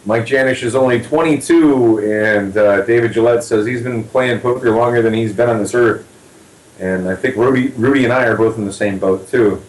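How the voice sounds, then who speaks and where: A man's voice: medium pitch, normal speed. An American man co-hosting a poker talk show, telling stories with dry jokes in casual chat. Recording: echoey room, faint ambient noise.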